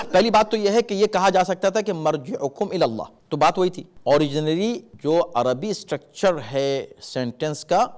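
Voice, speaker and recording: Man preaching quran commentary, high voice, lively, acts out shouting "stop!" in examples. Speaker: Islamic scholar giving Quran commentary. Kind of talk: sermon-style Quran commentary.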